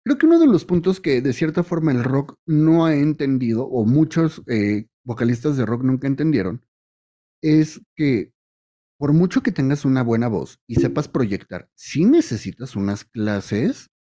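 Mexican guy on a podcast, mellow voice, makes his point at length. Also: medium pitch. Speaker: podcast co-host. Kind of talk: casual chat.

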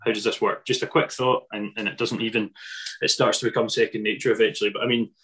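A man's voice: lowish voice, little pitch movement, fast, fairly bright tone. A man hosting a podcast casually, talking in a rambling, hesitant and self-deprecating way. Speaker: podcast host.

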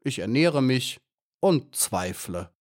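A man's voice: medium pitch, big pitch swings, slow pace. A man voicing a fussy male centipede who doubts everything, speaking pedantically in an audiobook. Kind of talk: audiobook character voice.

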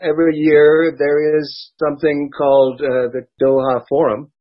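An older man speaks in a measured, explanatory way, a guest heard in a recorded interview clip. His voice is husky and the sound is slightly dull and lo-fi. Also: fairly high pitch, flat delivery. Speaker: former ambassador, guest.

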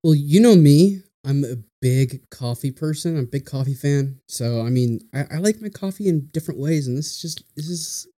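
A man's voice: fairly high pitch, lively intonation, moderate pace, few pauses, dark tone. A man appearing as a guest on a podcast, chatting casually and agreeing with friendly enthusiasm. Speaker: guest co-host. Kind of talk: casual chat.

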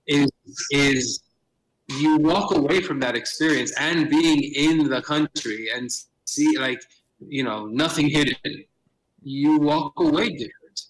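Through a rough recording comes a fairly high-pitched male voice at a measured pace: a middle-aged Miami theater director, from the United States, guesting on a podcast. In the casual interview he keeps restarting, uses many fillers, and sprinkles in Spanish phrases.

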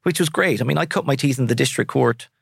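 A man with a west of Ireland accent talks as an interview guest in a frank, colloquial style. His voice sits at a middling pitch. The recording is dry, with hardly any room sound. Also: fast talker, vocal fry, husky, no echo. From Sligo, west of Ireland. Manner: candid, colloquial. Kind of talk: conversational interview answers.

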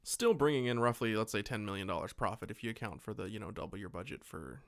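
With a fairly low, creaky voice and a quick pace, this man co-hosts a podcast, recapping a film casually in an irreverent, mocking way. He mimics the characters' lines as he goes, and the recording is clean studio sound with no echo.

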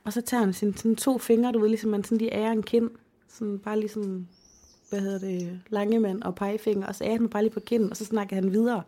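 A woman's voice: mid-range voice, flat delivery, mellow. A young woman co-hosting a casual chat, telling a personal story in an emotional, chatty way with many fillers. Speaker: podcast co-host.

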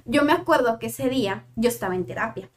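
High-voiced Mexican woman telling her story. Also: fast. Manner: animated, acts out remembered dialogue. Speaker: psychologist guest. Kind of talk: casual storytelling.

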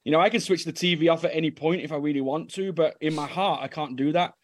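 A man's voice: a little high, quick pace, no room sound. A man with a Birmingham accent chatting casually as a guest, rambling a little and repeating words as he goes. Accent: Birmingham (Brummie). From Birmingham, England. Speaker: guest, youth football coach. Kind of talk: casual chat.

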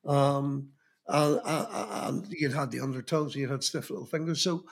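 Medium in pitch, fairly even in intonation and moderate in pace, this man is a magazine journalist from Belfast, Northern Ireland, in his fifties. As an interview guest he reflects on his early days in music journalism, wandering through anecdotes and frequently restarting.

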